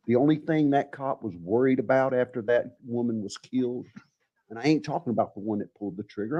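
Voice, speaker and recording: A man's voice: mid-range voice, dark tone, dull audio. A man in an angry, profane off-the-cuff rant, repeating himself and cursing at other channels. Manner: furious, profane, repetitive. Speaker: livestreamer ranting at other channels.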